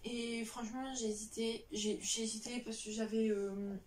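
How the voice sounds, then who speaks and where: A woman's voice: a little high, little pitch movement, moderate pace, darkish tone, recorded from a distance, slight background noise. A young woman chatting casually about books on a vlog, rambling with lots of fillers and restarts. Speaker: book vlogger. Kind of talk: casual chat.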